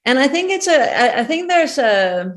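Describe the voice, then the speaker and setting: A woman's voice: sits high, big pitch swings, normal speed. A woman from Denmark with a Danish accent, a film producer answering interview questions thoughtfully and searching for her words.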